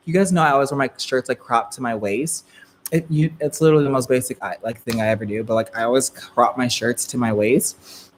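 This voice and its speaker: Young man in his twenties, mid-pitched, talking straight to his live chat. Chatty and full of fillers, going loud then soft. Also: a little hiss or hum. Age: 20s. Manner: chatty, filler-heavy, frequent laughs, swings between loud and soft. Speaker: live stream storyteller. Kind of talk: casual storytelling to a live chat.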